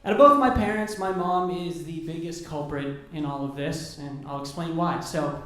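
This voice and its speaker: A man's voice: a little high, normal speed, a bit bright. A man in his thirties performing a stand-up comedy set, sardonic and self-deprecating, swearing freely. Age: 30s. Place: comedy club stage. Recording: echoey comedy club room.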